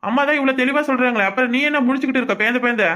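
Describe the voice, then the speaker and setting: A woman voicing a grown son and brother in a village cartoon, with a Kanyakumari Tamil accent and slow, gentle questions. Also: sits high, voice pushed down. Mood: mild.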